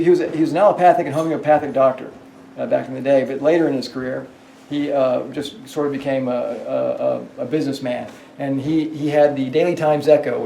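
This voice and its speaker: Guiding a ghost tour along a hotel hallway, a man rambles through tales packed with fillers and restarts. He has a dark mid-range voice with vocal fry. The mic is distant, the space echoes, and there's a slight hiss or hum.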